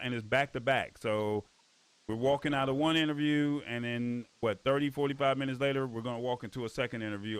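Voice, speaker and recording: Smooth-voiced man producing an online show. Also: medium pitch. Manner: easygoing, organizing. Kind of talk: casual chat. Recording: online video call.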